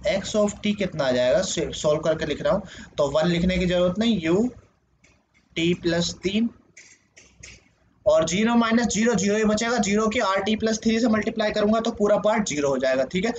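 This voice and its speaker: A man's voice: high voice, normal speed. A young man teaching in a casual lecture, explaining step by step with many fillers and self-corrections. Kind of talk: casual Hindi lecture working a problem on screen. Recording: slightly dull lo-fi voice with faint background hiss.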